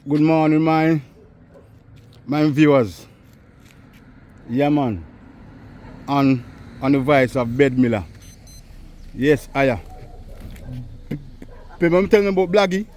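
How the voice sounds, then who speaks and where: A man's voice: a little high, slow pace, long pauses, darkish tone. A Jamaican man vlogging, chatting in repetitive patois banter and calling out to someone from a distance. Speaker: vlogger interviewing a local. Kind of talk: casual street chat.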